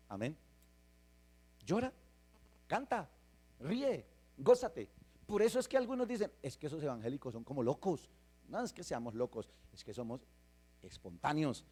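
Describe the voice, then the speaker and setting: A man preaching in church, his somewhat high voice swooping up and down as he stresses his points. He fires rhetorical questions at the congregation in an emphatic sermon style. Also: darkish tone. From Colombia. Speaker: pastor.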